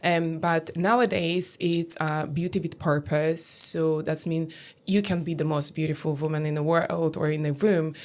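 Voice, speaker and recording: A woman's voice: low-pitched, steady tone, normal speed, few pauses. A woman in her thirties from Lithuania with a Lithuanian accent, speaking English as a second language in an interview, hesitant with many fillers. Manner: hesitant, many fillers, non-native grammar. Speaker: guest, pageant titleholder. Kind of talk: interview answers.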